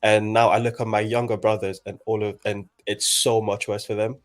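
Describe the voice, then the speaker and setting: A man's voice: fairly low pitch, little pitch movement. A man in his twenties from Nigeria, talking in a casual group chat and often restarting his sentences as he thinks aloud. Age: 20s. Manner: halting, with many restarts.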